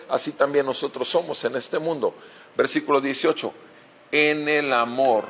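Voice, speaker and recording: A man's voice: fairly high pitch, a bit bright, breathy edge. A man with a Mexican Spanish accent preaching a sermon as pastor, asking rhetorical questions and repeating key phrases.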